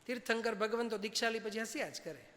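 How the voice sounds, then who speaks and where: A man's voice: sits high, fast talker, pushed and bright. A man giving a religious discourse as a spiritual teacher, teasing his listeners with rhetorical questions and dropping English phrases into his talk. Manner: asks the audience many rhetorical questions; playful, teasing. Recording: hall reverb.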